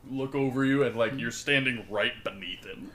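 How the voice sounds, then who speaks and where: A man's voice: medium pitch, moderate pace, a loud crowd. A man narrating as game master, rambling with lots of ums and likes. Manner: rambling, many fillers.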